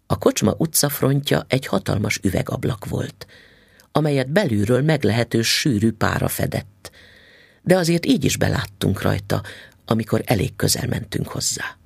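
A man narrating an audiobook with expressive storytelling. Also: mid-range voice, vocal fry, slightly rough, no echo, clean studio sound.

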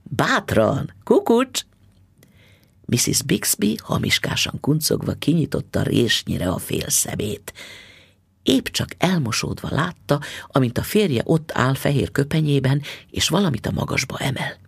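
A man narrating a story in an expressive, audiobook style. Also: medium pitch, creaky, breathy edge, dry recording, studio quality.

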